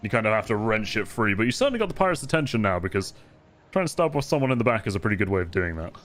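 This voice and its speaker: A man's voice: fairly low pitch, big pitch swings, rapid-fire, a bit bright. A man running a tabletop game as game master, narrating the fight in vivid detail and laughing often.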